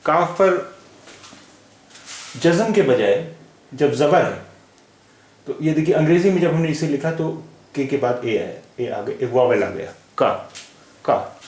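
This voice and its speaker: A man's voice: a little high, a little mellow. A man teaching a language lesson in a patient way, repeating each sound several times. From India. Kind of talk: slow explanatory lesson. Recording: echoey room.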